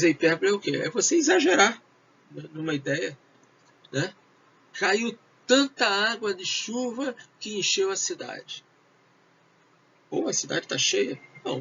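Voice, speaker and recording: A man teaching a recorded video lesson, talking slowly and hesitantly with many fillers and switching between Portuguese and English. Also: on the high side, fairly bright tone. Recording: dull lo-fi with faint noise.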